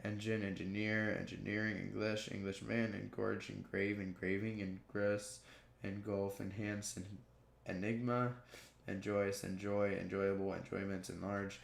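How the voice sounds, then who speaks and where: A man's voice: fairly low pitch, little pitch movement, unhurried, vocal fry, a little hiss or hum. A man reading dictionary entries aloud one word after another, with frequent stumbles and restarts. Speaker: video creator. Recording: echoey room.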